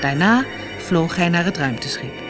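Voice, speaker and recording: A woman from the Netherlands reading a children's audiobook aloud with expressive storytelling. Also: on the low side, normal speed, music in the background. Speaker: storybook reader.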